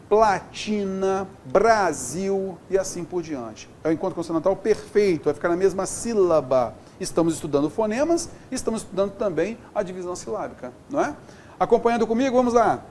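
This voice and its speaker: A man's voice: high voice, a little hiss or hum. A man teaching a Portuguese grammar lesson with a Brazilian accent, explaining step by step and checking in often with the class. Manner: lively, keeps checking in with "beleza?" and "tá?".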